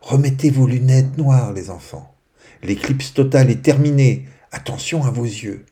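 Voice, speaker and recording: A man voicing a kind, gentle female fairy in a children's bedtime story, speaking softly and reassuringly. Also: medium pitch, moderate pace, close to an everyday voice. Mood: hushed.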